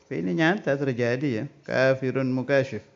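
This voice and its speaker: A man leading a Ramadan study lesson, reading Arabic passages slowly and then explaining each one in plain everyday speech. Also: medium pitch, vocal fry, dull audio. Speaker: religious teacher.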